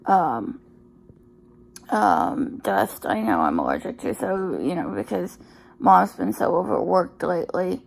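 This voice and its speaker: Weary, drained woman vlogging slowly. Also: on the low side, very animated, vocal fry, low-quality recording. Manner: hesitant, trailing off. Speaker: vlogger sharing daily health updates. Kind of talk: casual, rambling personal vlog.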